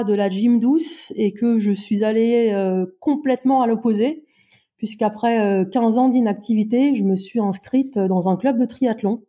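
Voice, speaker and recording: A woman in her forties from Brittany, speaking as a podcast guest in a hesitant, self-mocking way with many pauses. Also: fairly high pitch, mellow. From Brittany, France. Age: 40s. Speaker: guest, amateur endurance runner. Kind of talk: podcast interview.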